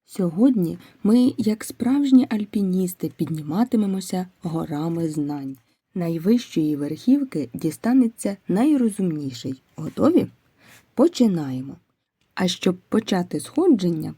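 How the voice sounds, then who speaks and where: Slow, husky-voiced woman teacher. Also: lowish voice, sing-song, mellow, dry recording. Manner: slow, carefully enunciated questions and praise. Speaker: preschool teacher. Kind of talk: video lesson for young children.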